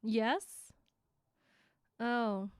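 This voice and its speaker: Bright, clear-voiced woman streamer. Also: a little high, very slow, dry recording, clean studio sound. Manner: chatty and giggly, many fillers, musing over English words. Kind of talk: casual live-stream chat.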